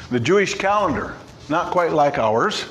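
A man's voice: a little high, lively intonation, normal speed, a bit bright, a little hiss or hum. Emphatic man preaching a sermon. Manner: emphatic, repeats key words. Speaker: pastor. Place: church sanctuary.

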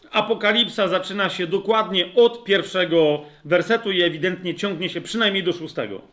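Male Bible teacher, high voice, talks straight to the group, checks they follow, slows down on scripture. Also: fairly bright tone. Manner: addresses listeners directly, asks checking questions; reads scripture aloud, slows down for emphasis. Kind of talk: Bible study lecture.

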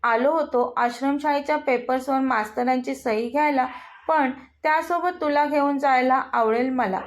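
An arrogant young bully who mocks and threatens everyone around him, voiced by a woman narrating a story. The voice sits high, and the threats come out in a sneering, taunting way. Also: normal speed, close to an everyday voice. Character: arrogant menacing young man, a bullying villain. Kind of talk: storybook reading.

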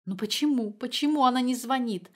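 A woman's voice: fairly high pitch, animated, normal speed. A woman voicing a dramatic, panicky retired mother who speaks in pompous, exclamatory outbursts. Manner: exclamatory, theatrical and rising.

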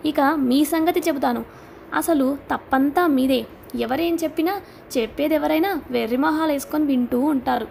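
A woman's voice: sits high, moderate pace, vocal fry, darkish tone, slight background noise. A woman reading the part of a defiant man who scornfully harangues a crowd, in an audiobook. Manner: accusing, mocking, relentless.

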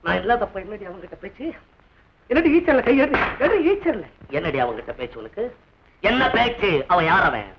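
High sing-song bully husband, taunting, hissy old film track. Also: male voice, very animated, normal speed, gravelly, exaggerated voice. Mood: accusing. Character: mocking bullying husband, loud and shrill. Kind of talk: classic film dialogue.

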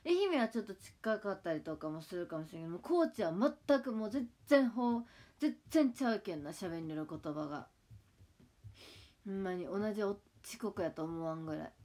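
The idol livestream host here has a mid-range voice and talks a little fast. A woman in her twenties with a Kagawa dialect, she chats easily with viewers, reading out their comments and responding.

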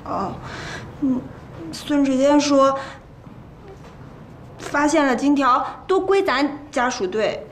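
An actress playing a hesitant young woman in a war drama, explaining herself haltingly. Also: high voice, animated, slight background noise.

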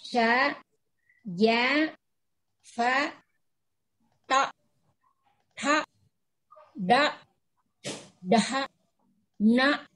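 Woman reading syllables very slowly. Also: sits high, a bit bright, poor audio. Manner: reading syllables aloud one by one. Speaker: student.

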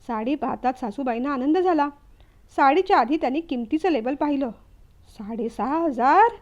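High-voiced woman reading a story. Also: expressive, fairly quick, darkish tone, highs cut off. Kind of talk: scripted story narration.

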